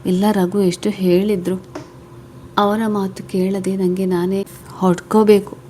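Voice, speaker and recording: A woman's voice: medium pitch, little pitch movement, a little slow, warm tone, a little hiss or hum, close to an everyday voice. A woman voicing a heartbroken young wife who speaks in tearful, pleading questions. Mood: grieving.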